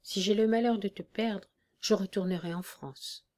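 A woman's voice: mid-range voice, steady tone, moderate pace, darkish tone, lightly acted. A woman reading as a distraught, pleading chevalier. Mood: grieving, pleading. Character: grieving male chevalier, emotional, devoted friend.

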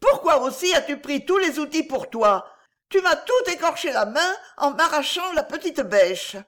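A woman's voice: high-pitched, big pitch swings, normal speed, a bit bright, pitched above the performer's own voice. A woman voicing a quarrelsome little girl who whines and accuses in a storybook reading. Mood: indignant. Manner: whiny, accusing.

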